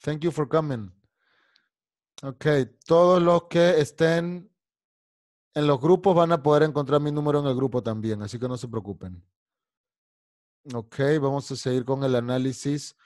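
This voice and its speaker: Man teaching a slow English drill. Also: medium pitch, darkish tone, dry recording, clean studio sound. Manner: switches between slow drilled English and quick Spanish asides. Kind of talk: online class teaching.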